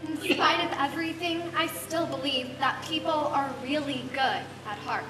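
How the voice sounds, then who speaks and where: A woman calmly reciting a sincere line on stage. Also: sits high, normal speed. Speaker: stage performer. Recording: echoey theater from far off, music behind.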